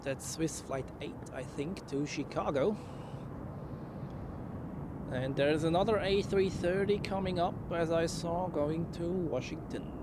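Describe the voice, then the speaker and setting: A man's voice: a little high, measured pace, heavy background noise. A native German-speaking man giving casual live commentary outdoors as host of a plane spotting stream. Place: outdoors near an airport.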